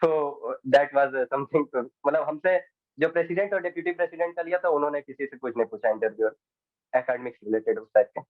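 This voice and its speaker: A teenage boy from India answers interview questions haltingly, restarting and slipping into English phrases now and then. The sound is thin and phone-like, and bone dry, as if it came over a video call. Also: fairly high pitch, no room sound. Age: teens. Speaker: interview guest, exam candidate. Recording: tinny dry phone-like line.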